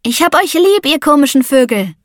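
A woman voicing a warm, affectionate girl who speaks in a bright, earnest way. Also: high-pitched, sing-song, normal speed, no room sound, clean studio sound, voice pushed up.

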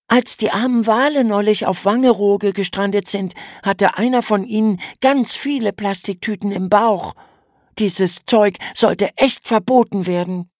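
A woman voicing a lively young girl who cares about the sea, talking in a high, eager voice. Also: a little slow, dry recording, clean studio sound, natural voice. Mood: indignant. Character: young girl, lively eco-minded sister.

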